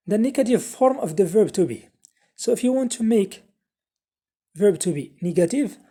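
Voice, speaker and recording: Mellow, husky-voiced woman teacher. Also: mid-range voice. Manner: slow, repeats example sentences with Arabic translations. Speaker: English teacher. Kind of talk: classroom grammar lesson.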